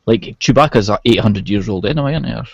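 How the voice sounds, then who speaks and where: A man's voice: fairly low pitch, fast, gravelly, breathy edge, no echo, muffled recording. Man chatting, dry close sound. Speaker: chat guest. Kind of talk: casual chat about movies.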